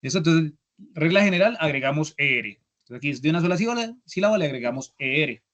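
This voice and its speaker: A man's voice: fairly high pitch, lively intonation, quick pace, fairly bright tone. A young man teaching an English grammar class, patiently repeating each step and checking that students follow. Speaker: English instructor. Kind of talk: online class explanation.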